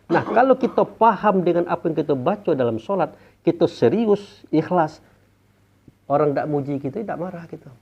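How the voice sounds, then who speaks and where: A male Islamic preacher delivers a sermon to a study gathering. He talks rhetorically, keeps addressing his listeners as sir, and swings between loud, emphatic lines and quiet, trailing ones. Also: fairly high pitch, expressive, normal speed, gravelly, slightly rough. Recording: dull lo-fi recording.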